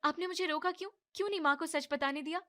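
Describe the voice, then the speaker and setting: A woman voicing an irritable young daughter-in-law in a cartoon family drama, complaining and pushing back. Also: sharp tone. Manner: high, complaining and quick.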